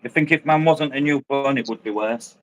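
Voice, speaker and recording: A man's voice: mid-range voice, a little fast, low-quality recording. A man chatting eagerly about shrimp keeping on a live stream, talking through a new phone on a video call and often restarting his sentences. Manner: enthusiastic, stumbling restarts. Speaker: co-host, shrimp keeper. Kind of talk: casual live-stream chat.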